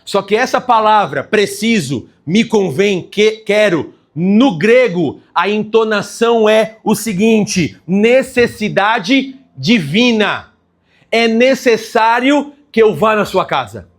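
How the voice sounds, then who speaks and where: A pastor preaching a Sunday sermon with emphatic, slow, stressed phrases. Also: male voice, high-pitched, lively intonation.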